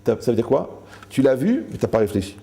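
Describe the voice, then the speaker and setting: A man's voice: mid-range voice, sing-song, brisk, creaky, warm tone. A man giving a Torah lecture to a live audience, joking, asking the room questions and acting out the people he quotes.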